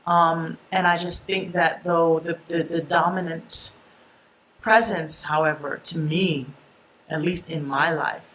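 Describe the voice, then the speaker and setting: A woman of Jamaican roots, a poet and writer, talking in a relaxed, chatty way in an interview, laughing often and restarting her sentences. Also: on the low side, takes it slowly, rough recording. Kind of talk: relaxed interview talk with a poetry reading.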